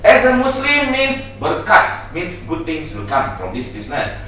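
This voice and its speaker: A middle-aged man with a Malaysian English accent, giving an animated testimonial on stage as a business presenter and acting out conversations. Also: sits high, moderate pace. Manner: animated storyteller, acting out dialogues with repetition. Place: large indoor venue. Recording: echoey hall, voice from far off.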